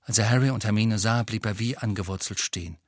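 A man narrating a storybook in a calm, measured way. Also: lowish voice, no echo, studio quality. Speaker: audiobook reader.

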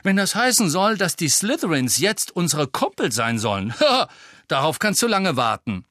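A man's voice: on the high side, very animated, normal speed, sharp tone, dry recording, studio quality, voice pushed up. A man reading an audiobook, voicing a stubborn teenage schoolboy wizard who talks in a blunt, scoffing way.

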